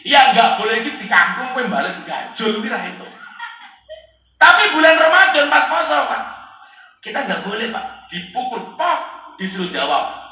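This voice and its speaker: A man with a Javanese accent preaching an Islamic sermon, animated and joking, with loud cries and quoted verses. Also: very high-pitched. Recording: echoey hall from far off.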